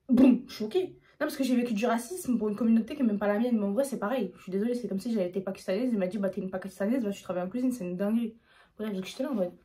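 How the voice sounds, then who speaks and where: A young woman from France telling a storytime on her vlog, casual and slangy, acting out what people said to her. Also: medium pitch. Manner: fast, slangy, animated retelling. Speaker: YouTuber.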